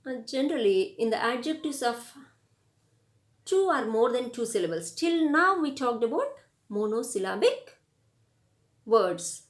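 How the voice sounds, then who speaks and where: A woman's voice: high voice, lively intonation, normal speed. Indian woman teaching English grammar. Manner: spells words letter by letter, repeats word lists. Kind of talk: classroom grammar lecture.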